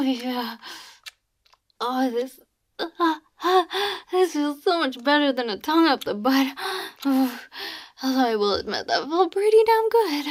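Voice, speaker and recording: A woman voicing a small, crude, domineering goblin maid in an adult audio role-play, taunting and giving orders between breathy gasps. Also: high voice. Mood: smug, breathy.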